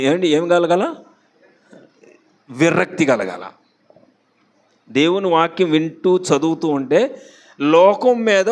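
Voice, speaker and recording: Pastor guy with a visakhapatnam accent, fairly high voice, preaching to a church and asking them stuff. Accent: Visakhapatnam Telugu. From Andhra Pradesh, India. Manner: conversational preaching, asks the congregation questions. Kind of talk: sermon.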